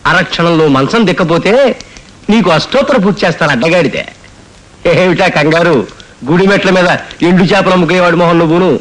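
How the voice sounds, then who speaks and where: An actor playing a cantankerous older father who scolds in rapid bursts of mock-grand insults, in a film comedy. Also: high-pitched, a bit bright. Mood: scolding. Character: cantankerous old father, spouting invented insults.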